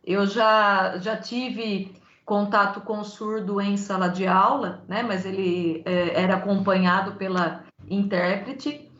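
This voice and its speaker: A woman's voice: medium pitch, level tone, takes it slowly, fairly bright tone. A woman teacher moderating a live panel, asking long winding questions. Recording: echoey lo-fi room audio.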